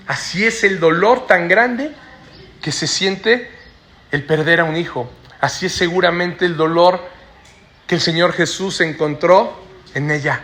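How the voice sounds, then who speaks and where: A man's voice: on the high side, bright, forceful tone. A man preaching a sermon to a congregation in church, often ending his phrases with a questioning "¿no?". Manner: tags sentences with rhetorical "¿no?".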